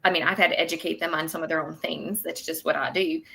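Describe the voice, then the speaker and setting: A work incentives coordinator appears as a guest on a podcast talk show, going on at length about benefit rules in a chatty, filler-laden way. She speaks fast in a low, creaky, sharp voice with fairly even intonation.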